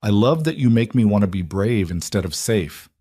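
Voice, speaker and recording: A man's voice: on the low side, animated, moderate pace, mellow, no room sound, studio quality. A man voicing a nervous but heartfelt man proposing, speaking tenderly in a storybook reading. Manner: earnest, tender.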